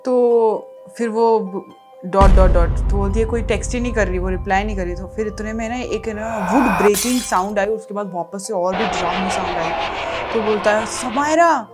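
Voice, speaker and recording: A young woman casually reading out a creepy text story and reacting to it, animated and mixing English phrases into her talk. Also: mid-range voice, moderate pace, over loud music. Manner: animated, mixes English into chat, reacts with gasps and laughs. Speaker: YouTuber reading creepy texts. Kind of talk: casual storytelling read-aloud.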